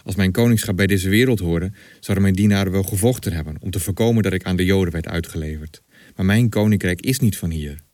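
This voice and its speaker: Male actor as Jesus on trial: deep, grave, dry close recording. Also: fast talker, darkish tone, no room sound, lightly acted. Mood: solemn. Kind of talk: dramatized Bible reading.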